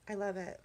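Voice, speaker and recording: A woman chatting casually at her craft desk as she works on a journal page, rambling with lots of fillers and small laughs, and sometimes muttering quietly to herself. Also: a little hiss or hum. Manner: mutters softly to herself while working. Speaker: craft vlogger. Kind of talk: casual chat while crafting. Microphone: camera on the work desk.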